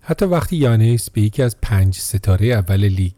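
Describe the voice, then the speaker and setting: Dark-voiced male documentary narrator. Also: on the low side, dry recording. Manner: steady, measured reading of quotes and events.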